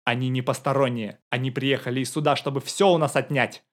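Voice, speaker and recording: A man's voice: mid-range voice, steady tone, brisk, natural voice. A man reading an audiobook, voicing a furious, bitter middle-aged woman who shrieks her complaints. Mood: indignant. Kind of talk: audiobook character voice.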